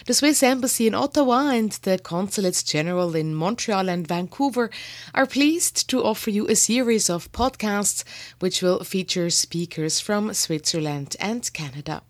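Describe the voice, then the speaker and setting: A woman reading a formal scripted podcast introduction in an even delivery. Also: medium pitch, a little slow, no echo. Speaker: podcast announcer.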